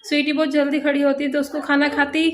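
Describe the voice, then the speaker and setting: A woman and mother chatting casually in a home vlog, talking to the camera and gently scolding her children indoors. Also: high-pitched, monotone, fast talker, a little hiss or hum. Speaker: family vlogger and mother.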